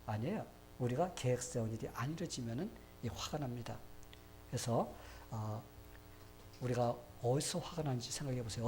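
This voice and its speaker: A man from Korea preaching a sermon as pastor, asking rhetorical questions and acting out quoted people. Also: a little high. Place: church sanctuary.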